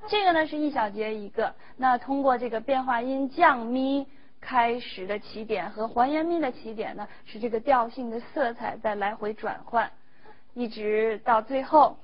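A woman's voice: fairly high pitch, slight background noise. Woman teacher explaining technique, lo-fi. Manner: measured, explanatory, demonstrates between phrases. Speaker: music teacher. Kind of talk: instrumental lesson explanation. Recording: dull lo-fi recording with faint instrument music.

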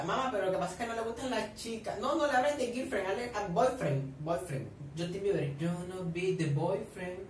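A young Colombian man chatters through a reaction video, gossipy and animated, teasing his viewers as he goes. He sits back from the mic in an echoey room, and a faint hiss runs underneath. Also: sits high, recorded from a distance. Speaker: reaction vlogger. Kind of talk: casual reaction commentary. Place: at home with family nearby.

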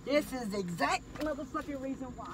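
A middle-aged woman scolding and swearing loudly at her daughter from inside a parked car. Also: sits high, lively intonation, brisk, background noise. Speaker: prankster's mother. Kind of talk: heated profane scolding in a car.

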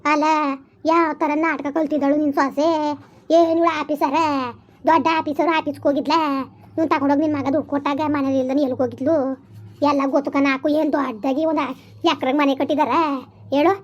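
A woman's voice: high-pitched, fairly even intonation, quick pace, muffled recording. A woman, performing a village comedy skit full of scolding and taunting banter. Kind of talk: rural comedy skit, bickering dialogue.

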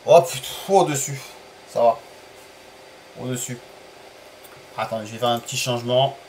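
A man streaming a football management game live, chatting to viewers, apologizing for stream bugs and calling plays with bursts of excitement. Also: mid-range voice, normal speed, a little hiss or hum, rough recording. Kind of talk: live gameplay commentary.

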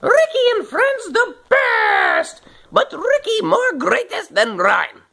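A man's voice: extremely high pitch, wildly swooping pitch, slow pace, gravelly, sharp tone, pitched above the performer's own voice, exaggerated voice. A young man switching into an impression voice of a small, boastful, cheery creature with broken childlike grammar. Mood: cheerful, boastful. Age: young adult.

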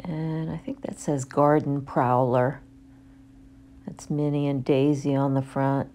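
A woman chatting casually through a store as she films with her phone, pausing often with ums and uhs. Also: a bass voice, level tone, warm tone, slight background noise. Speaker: shopping vlogger. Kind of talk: casual shop-with-me narration. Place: store aisle, handheld phone camera.

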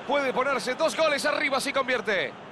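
A man playing an excitable video game football commentator, calling goals with drawn-out shouts and rapid repeats over stadium noise. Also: very high-pitched. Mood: excited. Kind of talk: excited goal commentary of a penalty shootout. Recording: clear stadium noise behind.

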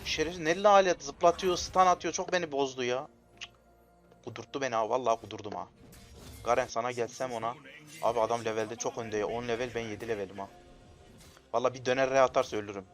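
Young male streamer, mid-pitched, explosive and frustrated, game music underneath. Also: quick pace. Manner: excitable, frustrated outbursts, shouting at teammates. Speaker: gamer streaming gameplay. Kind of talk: live gameplay commentary.

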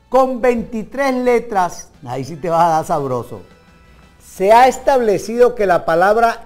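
A man with a Venezuelan accent hosts a comic TV talk show and reads out word trivia. His voice sits a little high. He teases his co-workers with quick asides, then slows down to stress single words, and faint music plays behind him. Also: darkish tone. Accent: Venezuelan Spanish. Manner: playful and teasing, jumps between fast asides and slow stressed words. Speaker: TV show host.

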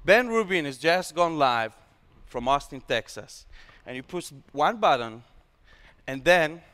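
On stage in a large hall with long reverb, a young Israeli startup founder pitches in slightly broken English, gesturing lively. His voice sits a bit high and sounds smooth and resonant, and he speaks unhurriedly.

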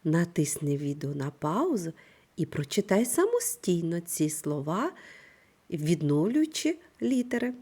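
Slow, lively-voiced woman teacher. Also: on the low side. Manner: slow, clear, instructive delivery with lively intonation. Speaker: primary school teacher. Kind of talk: scripted online reading lesson.

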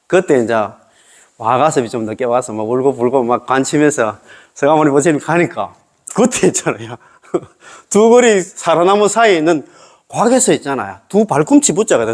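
Chatty monk, lively pitch. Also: male voice, fairly quick. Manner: chatty, checks listeners with tag questions, chuckles often. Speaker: Buddhist monk teaching. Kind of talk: casual dharma lecture.

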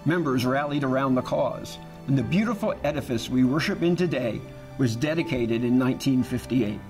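A man giving calm, measured scripted narration for a church history documentary. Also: medium pitch, over music.

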